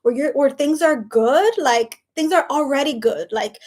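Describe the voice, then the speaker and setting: A Spanish-accented woman with a high-sitting, darkish voice speaks a little slowly, playing a life coach in a casual motivational monologue. She's chatty, emphatic and preachy, constantly saying "like" and "right?".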